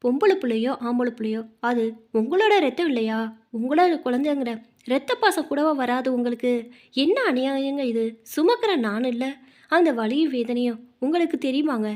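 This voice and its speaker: A desperate young daughter-in-law, pregnant and grieving, speaks in a pleading, tearful way, voiced by a woman storyteller. Her voice sits high. It is told as a spoken storybook. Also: lively intonation, normal speed, a little mellow.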